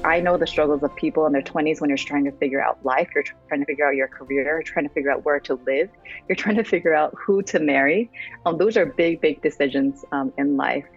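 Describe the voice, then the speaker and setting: A woman's voice: deep voice, fast talker, husky, soft background music. A young woman with an American accent, speaking reflectively in a remote interview, with many ums and restarts. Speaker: guest. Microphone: phone app call. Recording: dry, dull call audio.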